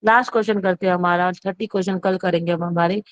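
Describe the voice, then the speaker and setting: A woman's voice: on the low side, steady tone, quick pace, no echo. A woman teaching psychology for an exam, talking casually and often correcting herself, asking questions and answering them. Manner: repeats herself, self-correcting, asks and answers her own questions. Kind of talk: exam-prep lecture, casual Hindi-English mix. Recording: dry, dull lo-fi recording.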